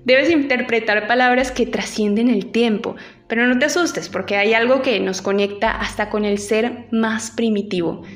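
A woman giving an instructional audio lesson as an acting teacher, speaking directly to the listener and guiding them through an exercise. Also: a little high. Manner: addresses listener directly with instructions and reflective questions.

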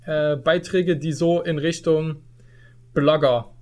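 A man's voice: on the high side, fairly even intonation, slow pace, darkish tone. Young man co-hosting a chatty podcast. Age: young adult. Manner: hesitant, many fillers, laughs often. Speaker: podcast co-host. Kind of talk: casual podcast chat.

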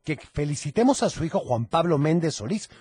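A husky, slightly high Mexican man hosts a children's radio program, his pitch bouncing widely as he reads greetings and banters with young callers. He sounds playful and teasing, and the sound is close and dry. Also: big pitch swings, fairly quick, warm tone, no room sound. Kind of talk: lively kids' radio chat.

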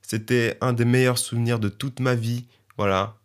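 A man's voice: medium pitch, fairly even intonation, normal speed. A young man hosting a casual solo podcast, chatting and rambling with lots of fillers and restarts. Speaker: podcast host.

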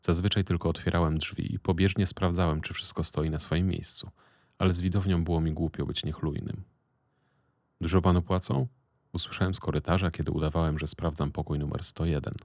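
A man narrates a first-person story in a very low, gravelly voice. His manner is measured and deadpan, with a wry edge. The recording is dry and close. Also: no echo. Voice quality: deep, gravelly.

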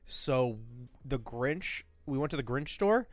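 A man's voice: medium pitch, lively intonation, slow, no echo. A young man co-hosting a podcast in casual chat, telling rambling stories full of "like" and "dude" and swearing freely. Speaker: podcast co-host.

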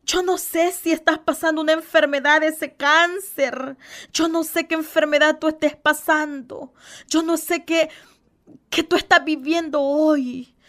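Fervent high-voiced woman preaching. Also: fairly even intonation, a little slow, a bit bright. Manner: fervent, pleading, with repeated exclamations of devotion. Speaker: radio preacher. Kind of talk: radio sermon.

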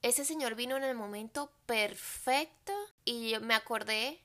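A woman telling a personal faith story in a casual, animated way, talking straight to her viewers. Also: on the high side, unhurried. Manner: animated, addresses viewers directly. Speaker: vlogger sharing a faith testimony.

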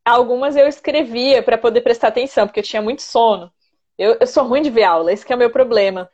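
A woman's voice: fairly high pitch, quick pace, darkish tone, dull audio. A woman with a Brazilian caipira country accent, chatting informally as an interview guest and often repeating herself. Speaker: interview guest, federal prosecutor. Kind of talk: casual chat, answering questions.

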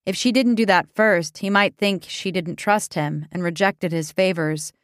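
A woman reading an audiobook in a steady, measured storytelling voice on a close microphone. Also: on the low side, no room sound. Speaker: audiobook narrator. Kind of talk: scripted narration.

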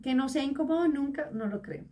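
A woman's voice: high voice, brisk, far from the mic, crowd noise. Woman, a bit off-mic. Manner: animated, quotes others, laughs often. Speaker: podcast co-host. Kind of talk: casual podcast chat.

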